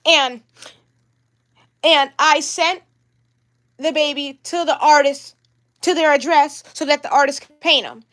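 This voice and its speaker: A woman's voice: sits high, unhurried, pauses often, a bit bright. A young woman on a livestream vlog, talking in an upset, rambling way and repeating herself. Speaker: vlogger.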